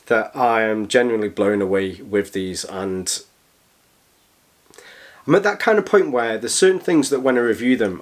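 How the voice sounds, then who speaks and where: Male reviewer, lowish voice, croaky with a cold, casual and keen, feeling his way through sentences. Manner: hesitant, rambling, enthusiastic. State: croaky, slightly hoarse from a cold. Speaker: product reviewer, host. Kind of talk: casual review chat to camera.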